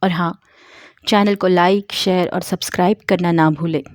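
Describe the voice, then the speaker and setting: A woman's voice: lowish voice, steady tone, moderate pace, a little mellow, no room sound, studio quality. A woman reading her serialized novel aloud, narrating dramatically and voicing each character herself. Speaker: storyteller.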